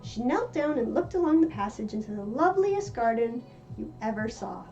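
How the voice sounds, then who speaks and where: A woman reading a children's story aloud in an expressive storytelling style. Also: on the high side, moderate pace, highs cut off, soft background music. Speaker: storybook reader.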